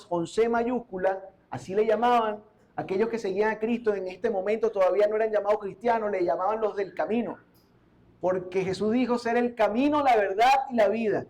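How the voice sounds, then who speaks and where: A man with an unusually high voice preaches a sermon as pastor. He reads scripture aloud passage by passage and explains each part, asking his listeners rhetorical questions as he goes. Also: darkish tone, low-quality recording.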